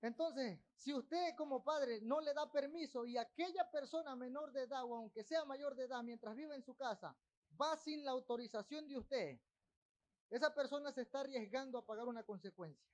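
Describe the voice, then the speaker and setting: A man's voice: extremely high pitch, normal speed. A man preaching a sermon as pastor of a church, breaking off with asides to the congregation. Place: church in Texas.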